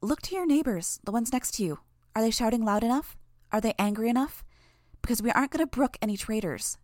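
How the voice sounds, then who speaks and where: Woman putting on a high rousing mob voice. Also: lively intonation, brisk, a little mellow, no echo, clean studio sound, natural voice. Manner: raised, rousing, sarcastic.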